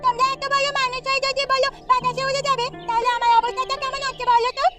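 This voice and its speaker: A woman's voice: very high-pitched, flat delivery, quick pace, sharp tone, faint music behind, voice pushed up. A woman voicing a small village girl who whines and pleads. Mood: whining. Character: little village girl, whiny and eager.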